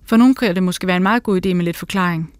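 A woman voicing a calm, slightly condescending man. He speaks in a dry, teasing, unruffled way. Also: fairly low pitch, no echo, close to an everyday voice.

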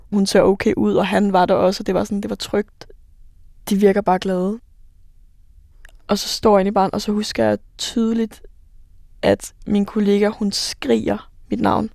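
A woman in her twenties, a bar worker, telling her own story for radio in a halting way, with many fillers and vivid recollection. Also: mid-range voice, little pitch movement, vocal fry, mellow, dry recording, studio quality. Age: 20s. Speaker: bar worker recounting rescues.

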